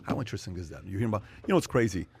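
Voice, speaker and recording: A man's voice: on the low side, expressive, racing, vocal fry, a little mellow, breathy edge. A man hosting a podcast, asking pointed questions in an emphatic, conversational way. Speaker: podcast host. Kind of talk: casual podcast talk.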